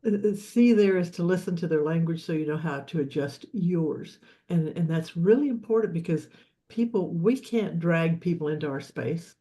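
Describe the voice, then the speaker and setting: A man's voice: a little high, lively intonation, normal speed, dark tone. A man teaching a live session on leadership and communication, explaining in a loose, repetitive way with frequent restarts. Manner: explanatory, repeats words and restarts often. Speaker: leadership coach.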